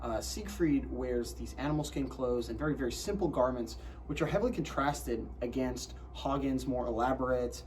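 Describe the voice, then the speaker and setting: A man's voice: medium pitch, moderate pace, few pauses, a little mellow, far from the mic. A man gives informal commentary on a film project in a conversational way, checking in as he goes. He sounds a bit away from the mic, with faint noise behind. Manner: conversational, seeks agreement with tag questions.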